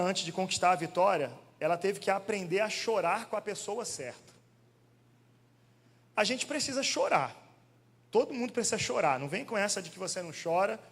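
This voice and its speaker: A male pastor preaching a sermon in an animated, conversational way, firing questions at the congregation. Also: high-pitched. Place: church hall. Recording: long church hall reverb.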